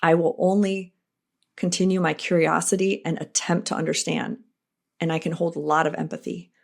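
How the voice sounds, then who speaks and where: A middle-aged woman hosting her own podcast, talking through a personal, reflective monologue in an earnest, animated way with frequent asides. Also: fairly low pitch, moderate pace, vocal fry. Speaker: podcast host.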